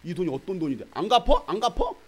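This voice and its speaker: A man voicing a servant in a parable who grovels in a high, thin voice and shouts coarsely at the weak. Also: sing-song, quick pace, slightly rough, heavily acted. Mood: bullying. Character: fawning, then bullying male servant.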